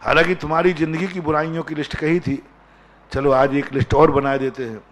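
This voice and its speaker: A Jain monk preaching with a fairly high voice. He fires rising, emphatic questions at his listeners and hammers points home by repeating single words over and over. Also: fairly even intonation, a little fast, fairly bright tone. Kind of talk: sermon.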